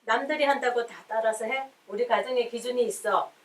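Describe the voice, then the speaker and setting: A woman's voice: fairly high pitch, fairly quick, close to an everyday voice. A woman acting a strict, controlling mother who firmly dismisses her son in a seminar role-play. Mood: stern. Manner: firm, dismissive, laughing through lines. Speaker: church member in a parenting role-play. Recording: voice from far off the mic.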